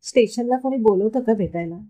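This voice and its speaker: A woman voicing a quick-tempered young woman who teases and scolds her friend, in a storybook reading. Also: a little high, dark tone, lightly acted. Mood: sulky.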